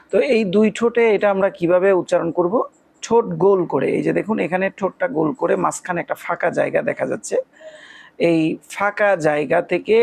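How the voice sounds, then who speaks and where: A man teaching Quran reading, explaining step by step and slowly chanting letters and syllables in drills. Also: high-pitched, vocal fry, darkish tone, dry recording. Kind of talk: spoken lesson with slow recitation and spelling drills.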